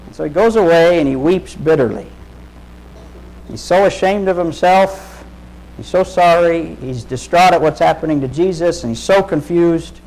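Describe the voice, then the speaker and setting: A man's voice: fairly high pitch, moderate pace, darkish tone, poor audio. A man preaching a sermon, retelling a story in casual, vivid terms and putting direct questions to his listeners.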